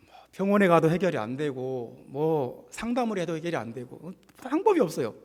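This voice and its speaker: A man preaching a Sunday sermon as pastor, impassioned, swelling in pitch and volume as he drives points home. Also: big pitch swings, a little fast, long reverb tail. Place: church sanctuary.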